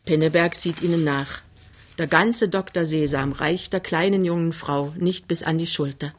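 A narrator reading a novel aloud in an even, measured storytelling manner. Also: mid-range voice. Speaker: audiobook narrator. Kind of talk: literary audiobook reading.

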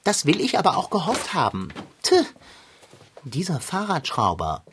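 A pompous cartoon tomcat. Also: female voice, low voice, big pitch swings, normal speed, a bit bright, a little hiss or hum. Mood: haughty. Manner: pompous, flowery formal speech. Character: pompous greedy male tomcat, fussy gourmand. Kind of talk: cartoon voice acting.

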